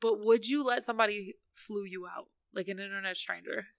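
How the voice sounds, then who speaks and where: A woman co-hosting a podcast, chatting casually with quick laughs and teasing reactions. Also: medium pitch, creaky, dry recording. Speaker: podcast co-host. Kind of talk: casual chat.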